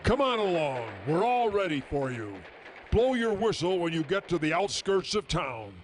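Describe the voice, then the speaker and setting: Bossy dispatcher, a man playing him: barking orders in a high voice. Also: big pitch swings, normal speed, a little hiss or hum. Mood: friendly. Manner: insistent, calling out orders. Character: bossy railroad dispatcher on the radio. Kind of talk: radio chatter.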